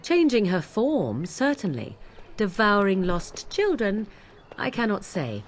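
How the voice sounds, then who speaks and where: A woman's voice: medium pitch, very animated, takes it slowly, slight background noise. An actress playing an aloof, sardonic young witch and shapechanger, speaking in haughty, formal, archaic phrasing in video game dialogue. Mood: lofty.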